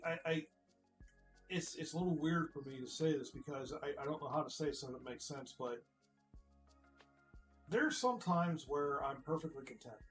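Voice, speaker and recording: Rambling man with a slightly high voice. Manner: rambling, restarts, lively quoted dialogue. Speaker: community founder. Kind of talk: casual group chat on a stream.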